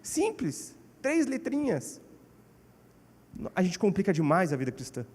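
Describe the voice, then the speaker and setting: A man with a Brazilian Portuguese accent preaching a sermon in a church, animated and acting out quotes. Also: unhurried, breathy edge. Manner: animated, acts out quotes with shifting pitch. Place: church hall. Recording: church hall with long reverb.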